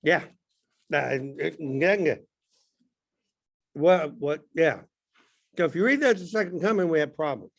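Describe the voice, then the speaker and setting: A man teaching a church class, his voice pitched high and swinging widely as he talks. He rambles, jokes and restarts sentences in a loose, casual way. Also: normal speed, long pauses. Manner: animated, rambling, joking, with many restarts. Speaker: Sunday school teacher.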